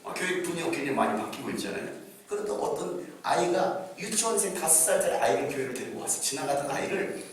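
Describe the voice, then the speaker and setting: Male pastor, middle-aged, sermon storyteller who acts out voices; high, lively pitch, recorded from a distance in a very echoey church hall. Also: fast. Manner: animated storytelling, acting out quoted voices. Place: church sanctuary.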